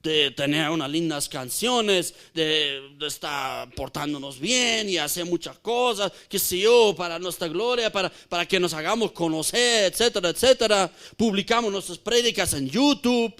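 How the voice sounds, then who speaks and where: Un hombre, pastor, predicando en un culto que pregunta a la congregación y repite frases para recalcarlas. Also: male voice, high-pitched, lively intonation, normal speed, few pauses, a bit bright. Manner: asks the congregation questions, repeats phrases for emphasis. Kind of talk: sermon. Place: church service.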